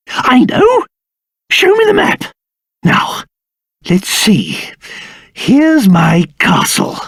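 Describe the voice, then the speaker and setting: King Trode, a wildly animated pompous old king. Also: high-pitched, no echo, clean studio sound, full character voice. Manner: pompous, theatrical, blustering, old-fashioned wording. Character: cursed little monster king, elderly, pompous, excitable, doting father. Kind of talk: video game voice acting.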